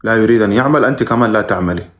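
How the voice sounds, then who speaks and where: Low-voiced man answering viewer questions. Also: very fast. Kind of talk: live-stream Q&A, reading comments aloud.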